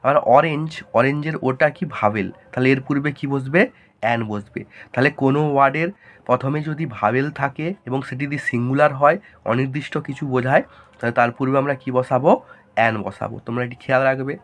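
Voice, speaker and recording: A man teaching a grammar lesson, asking questions and answering them himself in a lower voice. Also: steady tone, fast, fairly bright tone.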